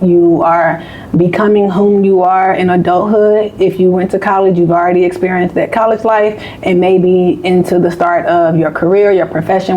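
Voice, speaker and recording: A woman's voice: lowish voice, warm tone, a little hiss or hum, low-quality recording. A woman in her late twenties or thirties, co-hosting a podcast in candid, emphatic casual conversation. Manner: candid, emphatic, repeats phrases. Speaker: podcast co-host.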